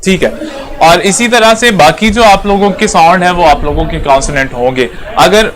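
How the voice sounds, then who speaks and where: A man's voice: high voice, moderate pace, a bit bright, a little hiss or hum. A man, an Urdu speaker, giving an English lesson in a classroom, repeating points and checking that students follow. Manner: repetitive, checks students with "clear?". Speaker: English teacher. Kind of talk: classroom lecture.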